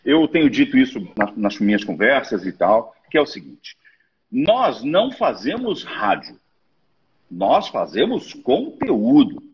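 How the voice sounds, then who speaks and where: A middle-aged man with a raspy voice, a radio executive telling stories in a casual interview. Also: mid-range voice, a little slow. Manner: relaxed, chatty, swears casually. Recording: dull lo-fi sound.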